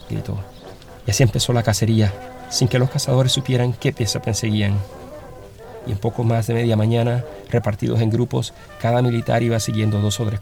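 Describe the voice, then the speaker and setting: A man reading a story aloud as narrator, in a steady, dramatic storytelling manner. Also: lowish voice, creaky.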